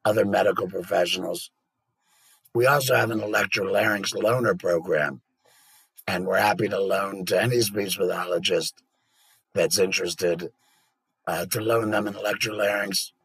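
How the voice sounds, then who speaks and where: A man talking as a podcast guest, explaining things in a measured, practical way with a few fillers. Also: lowish voice, vocal fry, a bit bright, husky, no echo, low-quality recording.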